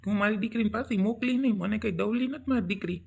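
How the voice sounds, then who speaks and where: A voice actor as a worried, gravelly cartoon dad. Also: medium pitch, racing. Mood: reassuring. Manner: gently questioning, reassuring. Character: worried middle-aged father, caring and protective. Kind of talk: Gujarati cartoon voice acting.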